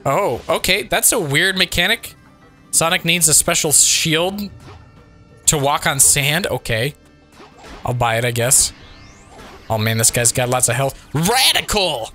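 A man hosting a casual gameplay commentary while sick, his voice still not fully recovered, reacting excitably with frequent exclamations. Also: a little high, unhurried, pauses often, soft background music. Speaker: let's play host.

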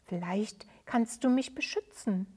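A woman storyteller puts on a small, frightened but honest boy from a children's storybook, his voice pitched a little high, earnest and pleading as he explains himself to his friend. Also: measured pace, a bit bright.

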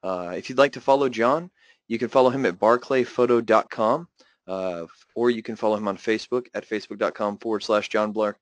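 A man's voice: on the low side, brisk, dry recording. A man hosting a webinar, reading out links and closing announcements in a friendly way. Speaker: webinar host.

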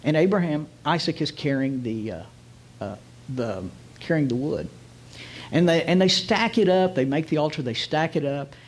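A man preaching as a guest rabbi, retelling a scene vividly and slowing down to stress key phrases. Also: a little high, animated, husky. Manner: vivid retelling, drops to slow emphatic phrases. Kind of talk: storytelling sermon.

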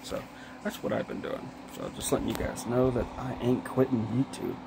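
A man's voice: medium pitch, normal speed, creaky. A man in his twenties chatting casually in a vlog, talking with a lip full of dipping tobacco. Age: 20s. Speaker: video creator reviewing dip. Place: small cluttered wood-beamed room indoors. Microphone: handheld phone at arm's length. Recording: steady room hum, air-conditioner-like noise.

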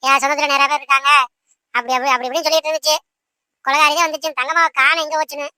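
A protective mother of the house talks back briskly and firmly in this cartoon. Her voice is high and bright and is recorded dry and close. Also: level tone, no echo. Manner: brisk, snappy retorts.

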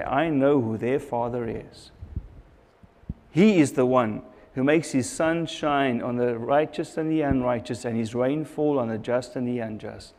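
A man's voice: fairly high pitch, a little mellow, long reverb tail. A middle-aged man preaching a sermon at a church pulpit, earnest and repeating phrases for emphasis, on a lapel mic. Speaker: pastor.

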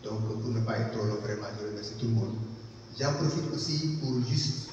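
A man giving a formal thank-you speech at an exhibition opening, halting with many fillers and restarts. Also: fairly low pitch, a little mellow. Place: large hall at an art gallery. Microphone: far camera. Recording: echoey hall from far off, dull, noisy.

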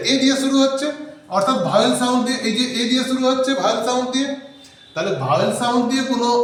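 A man teaching English grammar to a class, asking questions and answering them himself and slowing down to read example sentences. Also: very high-pitched. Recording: very echoey room, voice from a distance.

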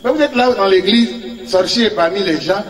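A man's voice: sits high, normal speed, recorded from a distance. A man from Ivory Coast, preaching a sermon as a prophet, telling stories with laughter and acted-out quotes. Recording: echoey room, speaker off-mic.

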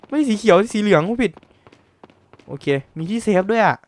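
Male game streamer, fairly high voice, jumpy and excitable, repeats his shouts, slightly sleepy. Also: a little fast, no room sound, soft background music. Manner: excitable, exclaims and repeats words. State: just woke up, a little drowsy. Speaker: gameplay commentator. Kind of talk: live gameplay commentary.

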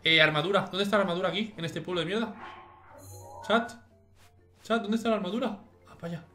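A young man with an accent from Spain, giving casual, excitable gaming commentary to his chat and swearing freely. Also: high-pitched, fast talker, faint music behind. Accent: Spain Spanish. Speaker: streamer.

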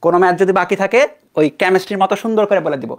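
A man's voice: sits high, rapid-fire. Chatty young male physics tutor. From Bangladesh. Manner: conversational, checks in with students often. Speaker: physics teacher. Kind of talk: online class lecture.

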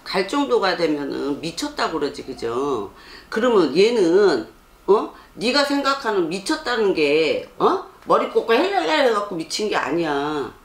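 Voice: medium pitch, big pitch swings, unhurried. A fortune teller bluntly scolding a young man during a consultation, constantly prodding him for answers. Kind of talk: scolding counsel session. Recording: roomy with faint background noise.

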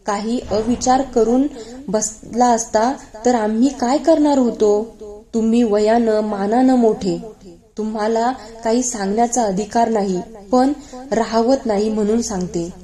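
A woman's voice: on the high side, dark tone, natural voice. A woman reading aloud, voicing a firm older queen mother who gives urgent, authoritative orders.

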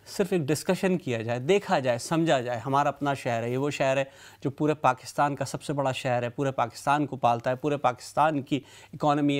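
A man, hosting a TV talk show and opening it with a measured, reflective studio monologue. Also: medium pitch. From Karachi, Pakistan. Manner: measured, reflective storytelling with rhetorical lists. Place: TV studio with city backdrop, indoors.

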